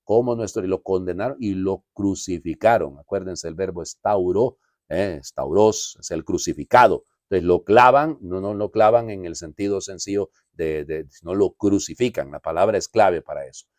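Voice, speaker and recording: A man's voice: deep voice, normal speed, darkish tone, no echo, clean studio sound. A man, a priest, giving a conversational homily full of asides and rhetorical questions.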